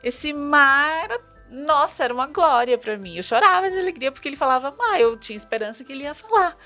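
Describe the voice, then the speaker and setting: A woman with a Brazilian Portuguese accent hosting an interview, agreeing warmly and asking leading questions. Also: sits high, expressive, fast, faint music behind. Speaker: host. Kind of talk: conversational interview.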